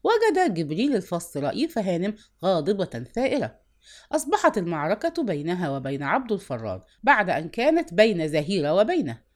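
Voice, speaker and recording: Expressive woman narrating an audiobook. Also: lowish voice, brisk.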